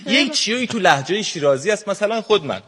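A man's voice: high-pitched, big pitch swings, a bit bright. A middle-aged man with a Shirazi accent doing stand-up comedy on a stage, with a lazy, drawling, joking delivery. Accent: Shirazi Persian.

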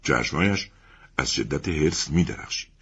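Man, audiobook narrator, gravelly, husky, lively intonation, lo-fi recording. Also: rumbling low. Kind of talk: storybook reading.

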